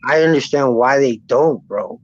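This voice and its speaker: A man's voice: mid-range voice, normal speed. A man calling in by cell phone, talking bluntly in a streetwise way, stumbling and restarting often. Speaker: caller. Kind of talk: casual call-in chat. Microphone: cell phone call. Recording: muffled phone call.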